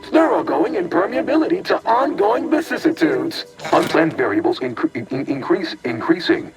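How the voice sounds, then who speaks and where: A man's voice: sits high, sing-song, normal speed, creaky, distant mic, exaggerated voice, poor audio. An actor playing a malfunctioning male AI computer, glitching and stuck repeating syllables and words in stiff, formal machine diction, with game music behind. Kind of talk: video game character dialogue.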